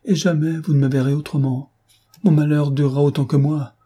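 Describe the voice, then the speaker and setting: A heartbroken young woman, distraught and pleading, her anguished words tumbling out in a mellow, husky tone, as a man reads her lines. An audiobook heroine undone by grief. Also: on the high side, level tone, fairly quick. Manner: anguished, impassioned outbursts.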